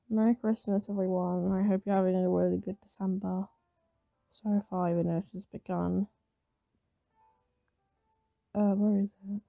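A woman who has just woken up, with a slightly raspy morning voice, giving casual commentary while playing a game. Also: medium pitch, mellow, dry recording, lo-fi sound. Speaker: gamer narrating gameplay.

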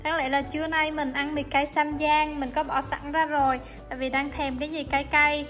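A young woman with a high, bright voice, chatting warmly as she explains each cooking step. She talks in a friendly, easygoing way from her home kitchen. Soft music plays faintly under her voice. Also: level tone, moderate pace. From Vietnam. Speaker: cooking vlogger. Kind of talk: casual cooking voice-over. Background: soft background music.

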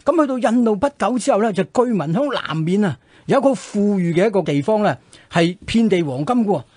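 A man with a Hong Kong Cantonese accent hosts a radio show from the studio, recounting history conversationally and sprinkling in colloquial sentence-ending particles. His voice sits high with a darkish, husky tone, and he speaks briskly and expressively. The recording is dry.

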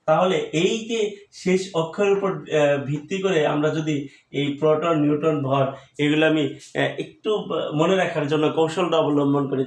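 A man with a Bangladeshi Bengali accent teaching a school chemistry lesson at a board, slowly repeating definitions to drill them. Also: fairly high pitch. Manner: slow, repetitive, drilling definitions. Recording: echoey room.

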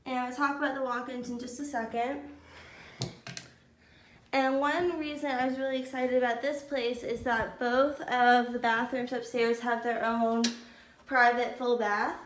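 A woman's voice: a little high, level tone, measured pace. A woman in her twenties casually touring her empty new apartment on a handheld phone, chatty and upbeat. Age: 20s. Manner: chatty, upbeat, says "cute little" a lot. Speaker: vlogger. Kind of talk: casual house-tour vlog. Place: empty apartment with bare walls. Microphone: handheld phone camera. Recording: echoey empty rooms, faint room hiss.

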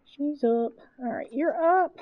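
A woman's voice: high-pitched, slow, lo-fi sound. A woman streaming a game, chatting casually and coaxing her game characters, with mild swearing. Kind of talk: casual gameplay commentary.

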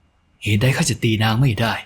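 A man's voice: moderate pace, slight background noise, close to an everyday voice. A man voicing a cold, domineering young master of an old Chinese household who gives harsh, scornful orders. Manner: harsh, contemptuous commands.

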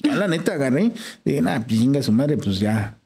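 A man's voice: medium pitch, big pitch swings, moderate pace, vocal fry, warm tone, a little hiss or hum. A man with a Mexican accent, a podcast guest telling a long personal story in casual slang and acting out the dialogue. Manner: slangy, acts out quoted dialogue.

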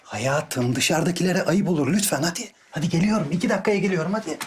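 A man's voice: on the high side, quick pace, a little hiss or hum, lightly acted. An actor playing a young husband who evades and soothes his upset wife in a TV drama. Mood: placating. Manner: soothing, evasive. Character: harried young husband, placating, evasive. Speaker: son and husband. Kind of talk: TV drama acting.

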